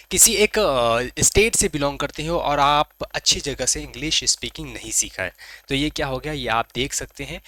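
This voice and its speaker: A man teaching English pronunciation, repeating word pairs slowly and emphatically and correcting common student mistakes. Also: mid-range voice, sharp tone, no room sound. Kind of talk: pronunciation drill lesson.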